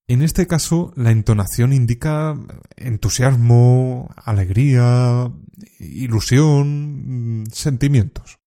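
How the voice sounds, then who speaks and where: A man from teaching expressions in a calm, measured scripted lesson, now and then acting out short example phrases. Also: medium pitch. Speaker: Spanish teacher.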